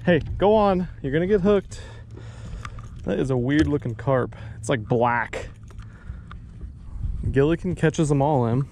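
A man's voice: a little high, unhurried, pauses often, darkish tone, slight background noise. A man in his thirties giving casual, self-mocking running commentary while fishing from a boat and talking to his dog. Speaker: fishing vlogger. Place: outdoors on a bass boat on a lake. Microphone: action camera on the boat.

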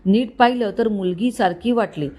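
A woman's voice: mid-range voice, moderate pace, mellow, lightly acted. A woman voicing a nervous, deferential male chauffeur who pleads with his boss in a storybook reading. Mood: pleading.

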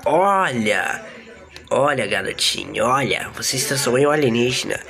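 A man voicing a friendly male alien who talks slowly in a low, calm, sly way. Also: gravelly. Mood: pleased.

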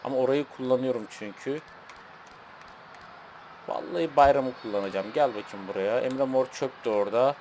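Male gaming streamer, mid-pitched, casual and excitable, chats with his viewers while he plays. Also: normal speed, long pauses, a little hiss or hum. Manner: chatty, excitable, talks to the game and his chat. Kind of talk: casual gameplay commentary.

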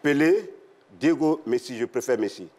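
A talkative studio guest on a football show chats casually, laughing as he tells stories. His medium-pitched voice is animated and darkish in tone, at a normal speed.

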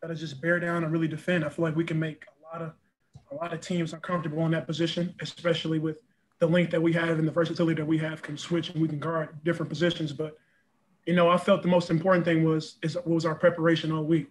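Speaking fast in a level, slightly high voice, a young college basketball player responds to post-game press questions via video call. He's earnest, repeats words, and says "you know" a lot. He's indoors in a press backdrop room, with a little hiss or hum on the audio.

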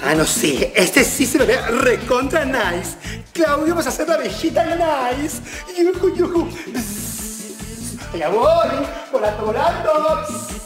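Shrill peruvian butler, fussy and gossipy, loud music under it. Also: male voice, expressive, a little slow. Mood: chatty. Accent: Peruvian Spanish. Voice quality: theatrical, exclamation-filled, sighing delivery. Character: fussy, flamboyant male butler, dramatic and gossipy. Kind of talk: sitcom acting.

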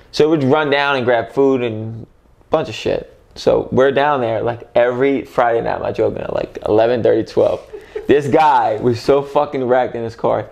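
A man's voice: mid-range voice, gravelly, darkish tone. Profane, rambling young man telling stories. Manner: loose, profane storytelling with lots of fillers. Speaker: podcast guest, former band member. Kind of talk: casual podcast chat.

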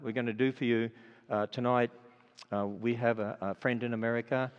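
Wrapping up a sermon before moving into announcements, this older Australian-accented man speaks earnestly and conversationally, using plenty of fillers. His medium-pitched voice is clean, with fairly even intonation at normal speed, recorded dully in a large auditorium with long hall reverb.

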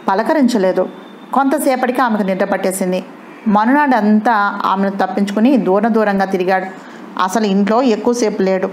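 A woman narrating an audio novel in a steady, measured storytelling manner. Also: mid-range voice, slight background noise.

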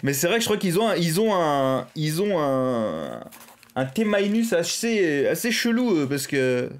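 Male host with a French accent, casual and rambling, filler-heavy, laughs at his own slips, slightly raised pitch. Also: big pitch swings, measured pace. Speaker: live-stream host. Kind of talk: casual live commentary.

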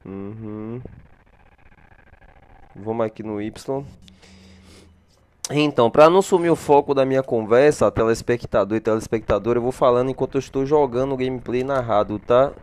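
A man's voice: mid-range voice, moderate pace, long pauses, darkish tone. A man hosting a casual narrated gameplay video, chatting to his viewers and answering his own questions. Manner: chatty, talks to himself in a back-and-forth, blesses viewers. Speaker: gaming channel host.

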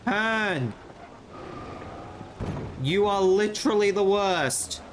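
Lively, excitable male streamer. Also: sits high, very slow, noisy background. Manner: excitable, jokey, breaks into laughter. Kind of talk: casual gaming commentary.

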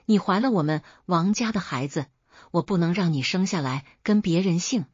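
A woman's voice: moderate pace, a little mellow, slightly rough, no echo, highs cut off. A woman voicing a coarse, domineering older mother-in-law who scolds and sneers. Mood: furious. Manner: shrill, scolding, contemptuous.

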